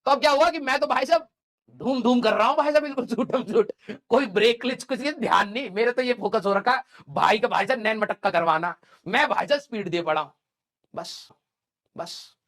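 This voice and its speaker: A man's voice: very high-pitched, a little fast. Joking young male teacher telling a story. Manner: animated, joking, switches between Hindi and English. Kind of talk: casual storytelling to students.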